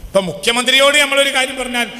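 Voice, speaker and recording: A man with a Malabar accent delivers a sermon in a high, sharply bright voice. He keeps questioning the audience and pushes them to reply. The sound is echoey, as if caught in a large hall with a long reverb. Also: little pitch movement, racing. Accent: Malabar Malayalam. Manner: asks the audience questions and presses them to answer. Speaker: Islamic preacher.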